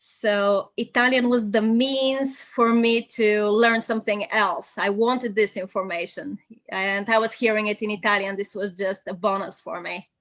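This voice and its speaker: This interview guest, a young translator who speaks Bulgarian natively, gives advice in a measured, methodical way punctuated by frequent ums. Her voice is medium-pitched, steady and fairly bright, and the recording is dry and close.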